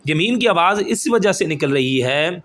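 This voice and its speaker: Patient male tajweed teacher, slightly high. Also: expressive, a bit bright. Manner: explains rules patiently, then recites phrases slowly and drawn out; checks in with the listener often. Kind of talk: step-by-step recitation lesson.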